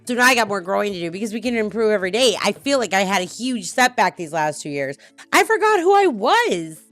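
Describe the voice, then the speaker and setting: Blunt, animated woman podcast host. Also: medium pitch, fast talker, no room sound, soft background music. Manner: blunt, swearing, animated storytelling. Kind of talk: casual podcast talk.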